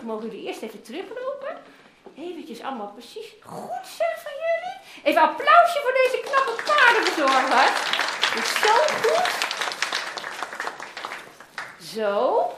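Woman voicing fond old father in a kids' Bible role-play, high lively voice, roomy echo. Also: a little hiss or hum, exaggerated voice. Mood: tender. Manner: animated, coaxing, talks to the children. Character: loving older father longing for lost son. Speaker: children's Bible teacher. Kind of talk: interactive Bible story role-play for children. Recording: roomy echoing room.

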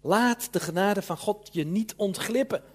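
Husky-voiced man preaching earnestly. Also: sits high, a little slow. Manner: earnest, emphatic preaching with tag questions. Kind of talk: sermon.

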